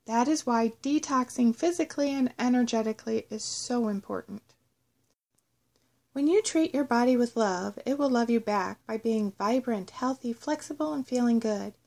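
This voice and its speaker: A woman narrating a scripted guided meditation in a measured, instructional way. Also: a little high, vocal fry, warm tone. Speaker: host of a guided self-love meditation audio.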